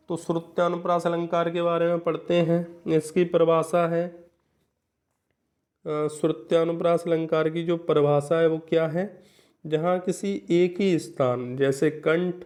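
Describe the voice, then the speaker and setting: Male teacher, grammar lesson, slightly high voice, repeats definitions, slow verse reading. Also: darkish tone. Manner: repeats definitions, reads verse examples slowly. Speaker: Hindi literature teacher. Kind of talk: classroom-style grammar lesson.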